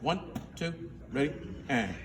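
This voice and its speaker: A male band director with a slightly high voice and a somewhat slow pace runs a rehearsal in a school band room. His teaching involves counting players in and singing syllables to model a note. It's a distant, reverberant room recording with faint background noise.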